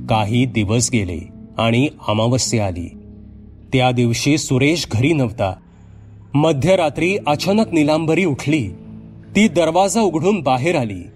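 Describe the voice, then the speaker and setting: Male narrator for an audio horror tale, mid pitch, measured and suspenseful, soft music underneath. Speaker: storyteller.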